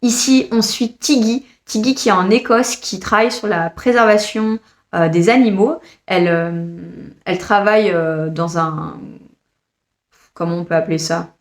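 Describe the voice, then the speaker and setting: Expressive woman reviewing her monthly reads. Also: medium pitch, normal speed. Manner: expressive, exasperated, addresses the author directly. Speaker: book reviewer. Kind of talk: casual monthly reading review.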